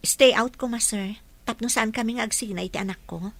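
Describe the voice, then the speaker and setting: In an audio drama, an actress voices a gentle, earnest young single mother who is looking for work. She speaks politely, at a brisk pace, with a fairly high pitch.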